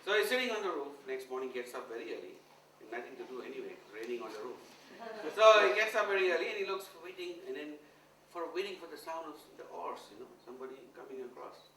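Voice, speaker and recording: A man telling a story to a live audience in an animated way, often checking that his listeners are following. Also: fairly high pitch, quick pace. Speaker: motivational speaker. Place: large event hall. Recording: echoey hall, far from mic.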